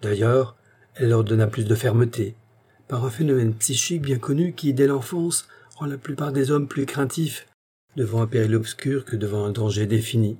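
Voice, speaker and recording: A man reading a short story aloud as scripted narration, measured and even. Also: medium pitch, slightly rough. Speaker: audiobook reader.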